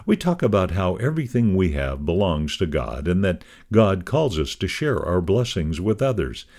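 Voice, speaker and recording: A man giving a measured, expressive scripted reading of a devotional magazine column. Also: low voice.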